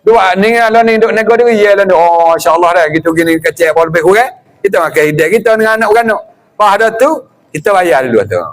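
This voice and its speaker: A middle-aged man with a Patani Malay accent giving a lively religious lecture, acting out greetings and chuckling often. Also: high-pitched, fast talker. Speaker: religious teacher.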